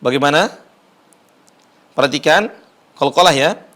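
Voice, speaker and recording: A man with an Indonesian accent, teaching Quran recitation slowly and patiently, repeating sounds for viewers to copy. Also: on the high side, lively intonation, pushed and bright. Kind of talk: Quran recitation lesson with chanted verses. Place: studio.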